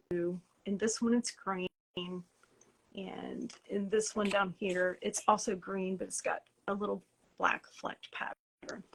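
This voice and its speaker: A woman with an Appalachian accent giving an informal video lecture in a halting, conversational, self-deprecating way. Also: medium pitch, vocal fry, a little hiss or hum, low-quality recording. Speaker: presenter explaining esoteric tarot.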